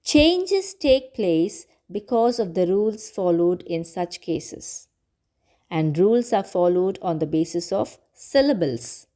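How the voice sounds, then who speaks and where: Slow, patient woman teacher. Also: medium pitch, darkish tone. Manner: patient, repeats words slowly and clearly. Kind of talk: slow classroom grammar lesson.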